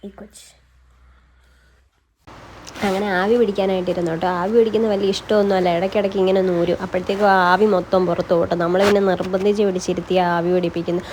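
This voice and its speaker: A woman's voice: lowish voice, level tone, fast talker, a little mellow, slight background noise. A woman vlogging about her day in a chatty, casual way, often tagging friendly asides onto her sentences. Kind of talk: casual daily-life vlog narration.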